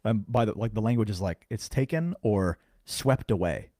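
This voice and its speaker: A man co-hosting a podcast, carefully explaining scripture in casual chat and slowing down to stress key words. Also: on the low side, warm tone, no echo, studio quality. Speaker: podcast co-host. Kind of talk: casual Bible teaching chat.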